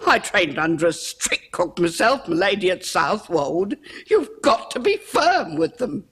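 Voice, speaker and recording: An actress playing an older household cook in a period television drama. The cook is proud and touchy, speaks in working-class phrasing, and turns tearful and lonely. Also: female voice, lowish voice, very animated, measured pace, fairly bright tone, slightly rough, heavily acted.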